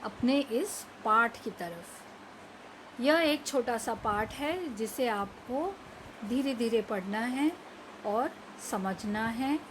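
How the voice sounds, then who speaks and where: A woman teacher leads a children's reading lesson in a bright, high voice, stretching every word out very slowly before explaining it. A faint hiss of room ambience sits under her speech. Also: expressive. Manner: drawn-out word-by-word reading, then quick explanations. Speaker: primary school Hindi teacher.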